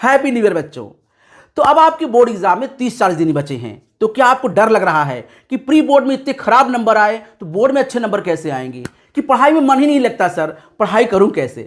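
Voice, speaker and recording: A man's voice: high voice, sing-song, fast, a bit bright. A man teaching exam tips to students, emphatic and repeating key points. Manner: emphatic, addresses students as kids.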